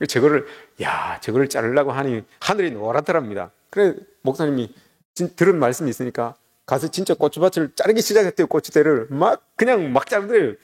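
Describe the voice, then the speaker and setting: A man's voice: a little high, big pitch swings, a little fast. A man preaching a sermon, telling a story and speaking directly to his congregation. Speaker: pastor.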